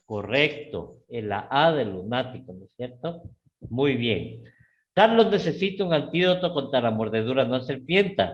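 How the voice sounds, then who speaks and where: A middle-aged man with an Ecuadorian Spanish accent teaching a live class, often checking in with his students and rising sharply in pitch on key words. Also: moderate pace, dull audio. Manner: repeats "¿sí?" and "¿no es cierto?" to check on students; lively, with sudden rises in pitch.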